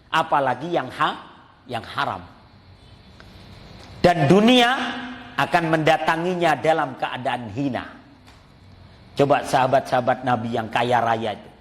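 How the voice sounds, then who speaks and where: A male preacher delivers a storytelling sermon and acts out the voices of his characters. His voice sits fairly high for a man. It rings with the long reverb of a mosque hall. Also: a little slow, long pauses, a bit bright. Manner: storytelling, acts out quoted voices, addresses listeners as Pak.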